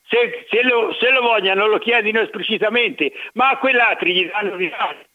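Male caller, quite high voice, heated and argumentative, tinny landline phone. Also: moderate pace. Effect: over a landline phone. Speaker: radio call-in caller. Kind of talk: phone-in talk radio. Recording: narrow tinny phone line.

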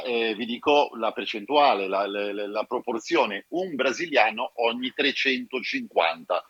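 A male correspondent comes through a phone line, his voice slightly husky and the sound dull, with no room around it. He explains things in a measured way and turns to speak directly to the listeners. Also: on the low side, fairly bright tone, dry recording. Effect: heard over a phone line. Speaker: foreign correspondent. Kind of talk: live news interview on radio.

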